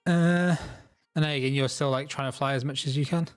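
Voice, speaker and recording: A man's voice: medium pitch, fairly even intonation, fairly quick, clear, resonant tone, dry recording. A man narrating and ruling as game master in a casual tabletop session, loose and swearing freely. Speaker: dungeon master.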